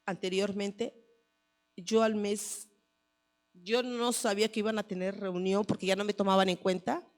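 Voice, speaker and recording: Speaking at a normal speed in a steady, mid-range voice, an adult woman who has a son shares her personal testimony during a church service. Her delivery is earnest and story-like, with frequent repetition of phrases.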